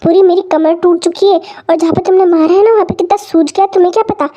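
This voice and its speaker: A woman's voice: very high voice, fairly even intonation, quick pace, mellow. Girl voicing a snappy sore young lover. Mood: annoyed. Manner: snappy, complaining.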